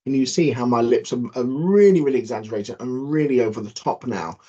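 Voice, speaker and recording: A man's voice: mid-range voice, brisk, mellow, husky, lo-fi sound. A man co-presenting an awareness talk to students over a video call, explaining and demonstrating his points. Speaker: guest presenter.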